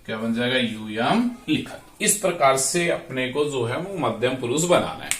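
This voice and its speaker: A man's voice: medium pitch, lively intonation, normal speed, a little hiss or hum. A man teaching Sanskrit grammar, drawing out each word and repeating verb forms aloud. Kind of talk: slow classroom explanation. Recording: echoey room, voice from a distance.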